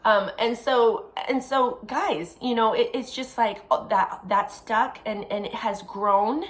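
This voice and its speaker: A woman co-hosting a casual chat, talking in an animated, chatty way and laughing often. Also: on the high side, a little slow. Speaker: co-host.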